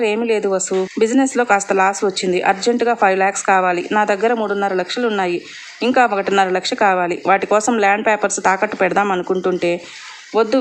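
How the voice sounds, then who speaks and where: A woman telling a serialized family drama story in a steady reading voice. Her pitch is neither high nor low for a woman, and she slips into each character's lines without really changing her voice. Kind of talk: scripted story narration with dialogue.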